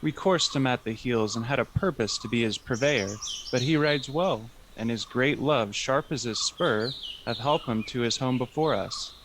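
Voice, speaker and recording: A man's voice: medium pitch, normal speed, hardly any pauses, natural voice. A man acting a gracious, trusting old king who speaks courtly, formal Shakespearean verse in a student radio play. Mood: gracious, warm. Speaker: student actor. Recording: clear background noise with birdsong. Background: birdsong.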